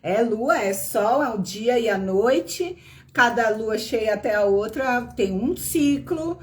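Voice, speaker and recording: A woman's voice: fairly high pitch, lively intonation, takes it slowly. A woman with a Brazilian Portuguese accent, a tarot reader and teacher who explains patiently on a live stream, often ending phrases with a questioning tag and greeting viewers by name. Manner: patient explaining, tags lines with "né?".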